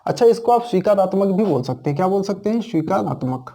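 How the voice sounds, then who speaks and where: An English teacher with an Indian accent walks a class through grammar step by step, posing questions and then answering them himself. His voice is high, expressive and mellow, and he talks fast.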